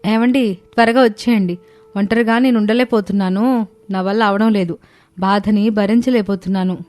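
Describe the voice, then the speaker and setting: A woman's voice: medium pitch, steady tone, moderate pace, darkish tone, lightly acted. A woman voicing an innocent young village daughter-in-law, pleading and distressed.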